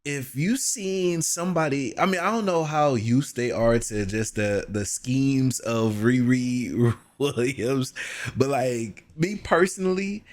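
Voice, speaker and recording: Male reaction host, mid-pitched, slangy conversational commentary. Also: slow, soft background music.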